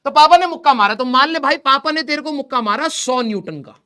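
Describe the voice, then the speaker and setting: An extremely high-pitched, brisk voice, pushed and bright, comes from a male physics teacher. He lectures his class jokingly, teasing and roasting the students as he draws.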